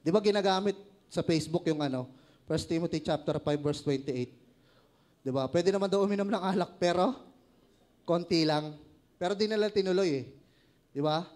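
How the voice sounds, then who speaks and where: A man's voice: sits high, moderate pace, long pauses, darkish tone. A man with a Filipino accent preaching a sermon, joking, laughing at his own stories and asking the congregation questions.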